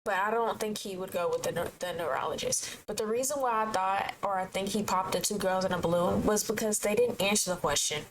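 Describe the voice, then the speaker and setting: A woman's voice: mid-range voice, brisk, hardly any pauses, a little hiss or hum, low-quality recording. A woman hosting a reaction video, chatting casually and giving her opinions. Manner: chatty, opinionated, talks back at the screen.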